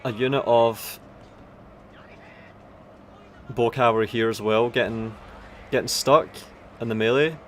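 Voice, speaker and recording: A man with an Aberdonian Scottish accent giving casual, sweary live commentary on a strategy game, thinking aloud in a halting way. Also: mid-range voice, fairly even intonation, a bit bright. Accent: Aberdonian Scottish (Doric). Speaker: esports tournament commentator. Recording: background noise of game battle ambience. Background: strategy game battle sounds.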